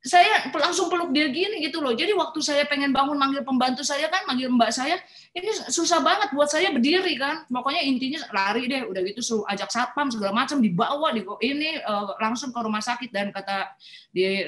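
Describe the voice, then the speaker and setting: A woman's voice: a little high, a bit bright. Middle-aged woman telling an emotional testimony. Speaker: speaker sharing a personal testimony.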